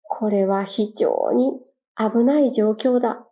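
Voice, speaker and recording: Quail king, wise and earnest, measured storybook voice, played by a woman narrator. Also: fairly high pitch, gravelly. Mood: grave. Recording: dull lo-fi recording.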